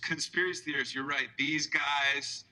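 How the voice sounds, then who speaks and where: A man joking as a talk show guest, delivering mock-earnest accusations in a deadpan way. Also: on the high side, moderate pace, rough recording. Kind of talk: comedic talk show banter.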